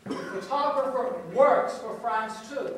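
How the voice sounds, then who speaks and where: An actor on stage playing a self-assured male media analyst who explains news footage step by step, often pausing on uh. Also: very high-pitched, background noise. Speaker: stage actor in a multimedia play. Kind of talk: stage play dialogue. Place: theatre stage. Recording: echoey stage recorded from far off.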